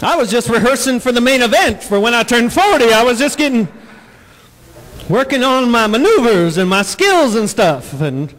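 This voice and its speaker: A man in his forties doing live stand-up comedy before an audience, playful with drawn-out punchlines. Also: extremely high pitch, very animated, a bit bright, in a large hall, rough recording. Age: 40s. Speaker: comedian and singer.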